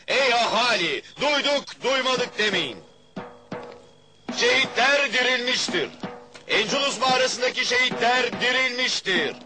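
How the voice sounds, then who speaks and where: Town crier, very high voice, proclaiming to the public, period drama, loud music behind. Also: male voice. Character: loud town crier announcing news to the people.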